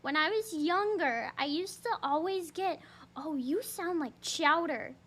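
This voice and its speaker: A woman's voice: very high voice, lively intonation, a little slow, a bit bright. A woman VTuber chatting casually on a livestream. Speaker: VTuber streamer.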